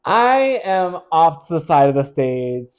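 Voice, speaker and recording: A man's voice: a little high, sing-song, takes it slowly. A man co-hosting a podcast, telling the story of a competition in a candid, wry way. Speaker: podcast co-host. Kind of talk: casual chat recounting a drag competition.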